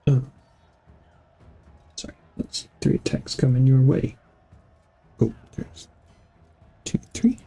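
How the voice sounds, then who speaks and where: Slow, mellow-voiced male game master. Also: mid-range voice, expressive, vocal fry, breathy edge, faint music behind. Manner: halting, with many fillers and restarts. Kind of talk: narrating a tabletop game.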